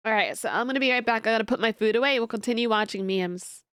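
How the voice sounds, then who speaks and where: Fast and a little high-pitched, a young streamer with a congested, nasal voice chats casually, rambling through her answers while watching videos. The tone is fairly bright and smooth, on a dry, studio-quality recording.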